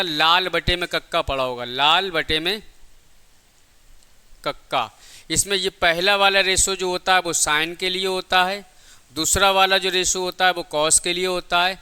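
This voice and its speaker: A physics teacher gives a classroom lesson, explaining step by step in a didactic manner and repeatedly asking questions, then answering them himself. His voice is high, pushed and bright, with a clean tone.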